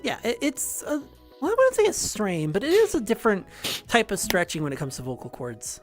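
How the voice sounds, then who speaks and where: A woman hosting a casual live stream, talkative and quick to laugh. Her voice sits at a middle pitch and swings widely as she talks. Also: huge pitch swings, soft background music. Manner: chatty, laughs often. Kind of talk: casual chat.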